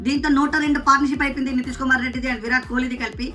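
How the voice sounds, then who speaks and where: A woman giving excited, casual play-by-play commentary on a cricket video game, exclaiming and repeating phrases. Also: high voice, racing, far from the mic, soft background music. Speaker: gaming commentator.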